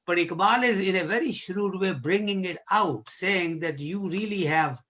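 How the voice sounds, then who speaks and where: A man with a Pakistani accent leading a discussion, explaining in an agreeable, halting way. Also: high-pitched, bright, forceful tone. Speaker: discussion leader.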